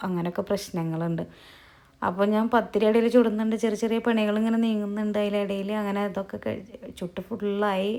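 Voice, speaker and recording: Soft-spoken chatty woman vlogger, gravelly. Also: fairly even intonation, fairly quick. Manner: chatty, rambling, self-correcting; soft-spoken, low volume. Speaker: cooking vlogger. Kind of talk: casual voice-over narration. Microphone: recorded in a closed room.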